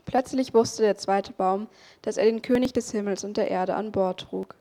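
A woman reading a Christmas story aloud in a calm, expressive way. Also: medium pitch, normal speed. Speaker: story reader. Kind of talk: storybook narration.

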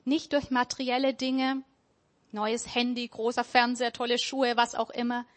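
A woman giving a sermon in an earnest, conversational way, often pausing with fillers. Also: on the high side, flat delivery. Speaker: preacher.

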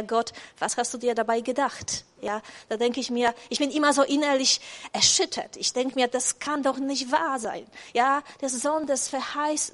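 Guest preacher, woman, high voice, not born in Germany; chatty sermon with audience check-ins and restarts. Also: fairly bright tone. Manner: conversational, asks the audience "ja?" often; frequent restarts and fillers.

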